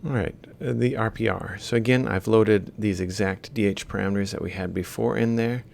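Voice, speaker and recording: A university lecturer, male, records an instructional screen-capture lecture, thinking aloud as he writes and walking through each step while reading out values bit by bit. His voice sits fairly low, with a steady tone, a brisk pace, some creak and a darkish quality. There's slight background noise.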